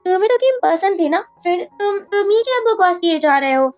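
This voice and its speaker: Woman reading as a sharp-tongued scheming young wife, very high and dry, faint music under. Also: expressive, fairly quick, no echo. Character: scheming young wife chasing divorce and money.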